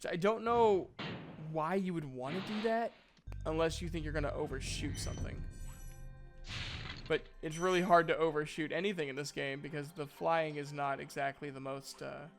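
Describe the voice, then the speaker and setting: A young man streaming a game and chatting over it in a rambling, jokey way, his voice sitting slightly high. He leans on plenty of fillers, and faint game music plays underneath his talk. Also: moderate pace, gravelly. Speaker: streamer and voice actor. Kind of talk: casual gameplay commentary.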